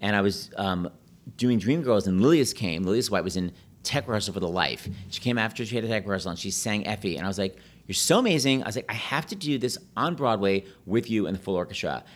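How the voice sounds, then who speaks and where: A middle-aged man telling stories in a casual, animated chat, full of "like" and quick asides. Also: lowish voice. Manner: chatty, animated, peppered with "like".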